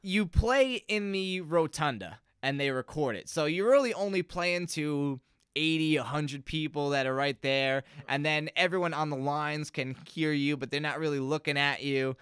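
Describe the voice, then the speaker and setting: A young man with a bright, ringing voice talks casually into a close podcast mic and tells stories about his gigs. His tone is smooth and clear. He slips into little quoted voices of the people he describes, and the sound is dry with no room around it. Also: on the high side, moderate pace, no echo. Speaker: musician guest. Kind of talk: casual interview storytelling. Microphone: close podcast microphone.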